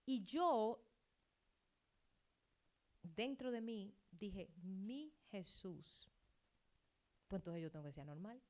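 A middle-aged woman pastor preaching a sermon, acting out quoted dialogue and swinging between loud outbursts and hushed asides. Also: medium pitch, expressive, takes it slowly, long pauses.

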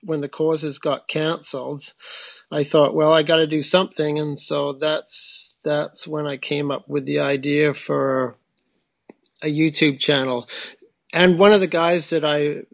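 A man's voice: fairly high pitch, level tone, slow, gravelly, dry recording. A middle-aged man, a frame-building teacher, explaining his work thoughtfully in a conversational interview, with hesitant restarts.

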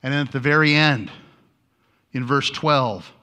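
Bright-voiced man teaching a sermon. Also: mid-range voice, unhurried. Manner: conversational, restarts often, wry asides to the congregation. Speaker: pastor.

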